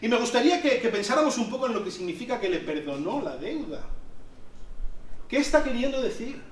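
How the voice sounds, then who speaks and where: In a church hall, a Spanish pastor with a Spain accent preaches in a very high-pitched, very animated voice, moving briskly. He talks conversationally before rising to emphatic peaks, captured from afar with echo and a little hiss or hum.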